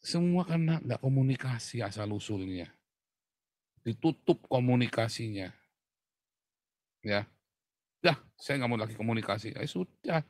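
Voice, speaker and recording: Middle-aged man, Tegal Javanese accent, pastor preaching casually, mid-pitched, animated with hushed asides, dry close sound. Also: moderate pace, pauses often, no room sound. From Tegal, Central Java. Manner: animated, swings between loud emphasis and hushed asides. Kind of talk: casual sermon.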